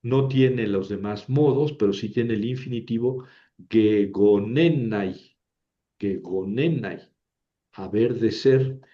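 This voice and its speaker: A man teaching an Ancient Greek grammar lesson, slowly and patiently repeating each form and checking in with his listeners. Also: medium pitch, highs cut off.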